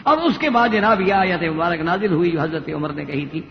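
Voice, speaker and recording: A man preaching an Islamic sermon, slowing down to chant Arabic verses and acting out the voices he quotes. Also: high voice. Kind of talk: Islamic sermon with Quranic recitation. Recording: echoey hall, dull lo-fi sound, faint noise.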